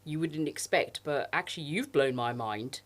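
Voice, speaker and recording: Low-pitched female podcast co-host, playful and teasing, with easy laughter. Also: lively intonation, normal speed. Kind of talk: casual chat.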